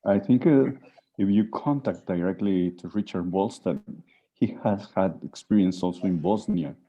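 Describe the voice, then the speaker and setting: Guy on a call, really deep and husky, careful speech. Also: normal speed, dark tone, poor audio. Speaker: discussion participant. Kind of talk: video call discussion.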